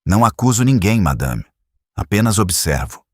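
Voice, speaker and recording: A shrewd elderly detective, voiced by a man lays out his reasoning in a calm, measured way. The voice is husky and a little lifted above a deep base, with a lively rise and fall. It sits close and dry, with no room around it. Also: no room sound. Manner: measured, gently probing. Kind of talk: audiobook character reading.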